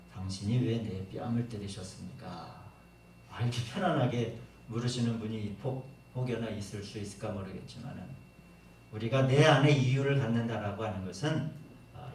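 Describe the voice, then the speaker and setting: A man's voice: mid-range voice, darkish tone, a little hiss or hum. A middle-aged man preaching a sermon as pastor, talking conversationally and acting out short quoted lines. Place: church sanctuary. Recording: echoey church room, voice from far off the mic.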